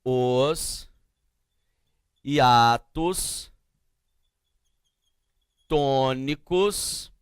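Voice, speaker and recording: Slow, clear-voiced male teacher. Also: medium pitch, no room sound, studio quality. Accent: Brazilian Portuguese. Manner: slow, drawn-out explanations with frequent checking questions. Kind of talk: classroom grammar lesson.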